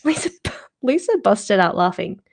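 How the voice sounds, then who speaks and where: A woman reads a novel aloud to her viewers, her voice carrying a steady crackle of vocal fry at an ordinary mid pitch. She keeps slipping into giggly, chatty asides and quick apologies between passages. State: slightly out of breath. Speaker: book reader on a livestream.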